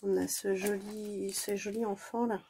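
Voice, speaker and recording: A woman's voice: mid-range voice, flat delivery, measured pace, creaky, dark tone, slight background noise. A woman chatting casually to her viewers while unboxing a craft kit at home, exclaiming often and joking about herself. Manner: chatty and exclamatory, many fillers; playful, self-mocking. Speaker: diamond painting vlogger.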